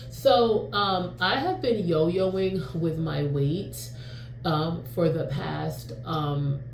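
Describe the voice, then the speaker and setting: In her forties and from New York, this woman vlogs casually to camera, rambling frankly with plenty of fillers and the occasional swear word. Her voice is low-pitched, and the room is echoey with a noisy background.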